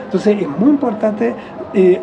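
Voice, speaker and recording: A man with a Chilean accent, explaining in a rambling, reflective way as an interviewee, often correcting himself mid-phrase and chuckling softly. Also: sits high, expressive, unhurried, vocal fry, dull audio, noisy background.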